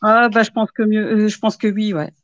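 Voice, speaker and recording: A woman's voice: medium pitch, fairly quick, no room sound, highs cut off. Playful woman guest on a craft live. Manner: playful, joking. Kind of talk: casual craft chat.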